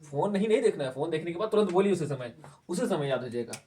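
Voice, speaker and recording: Man, English teacher, higher voice, distant from the mic, repeats words, asks questions. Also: lively intonation, fast, warm tone. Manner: drills words aloud in repetition, asks the class questions. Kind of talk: spoken English lesson.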